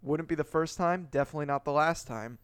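A man's voice: on the high side, quick pace, a bit bright, clear, resonant tone, no echo. A man hosting a podcast in casual chat, rambling with many restarts and frequent swearing. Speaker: podcast host.

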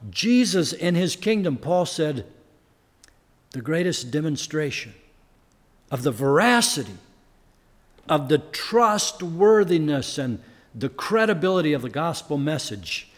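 A man preaching a sermon as pastor, earnest, building to emphatic peaks and then dropping low. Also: sing-song, a little slow, long pauses, in a large hall.

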